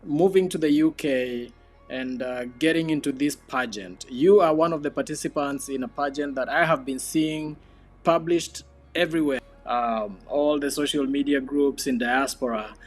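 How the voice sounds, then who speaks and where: A man's voice: mid-range voice, normal speed, soft background music. A man hosting a diaspora TV interview, with formal introductions and brief prompts. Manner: formal broadcast introductions, short listening replies. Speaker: TV host. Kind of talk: hosted interview.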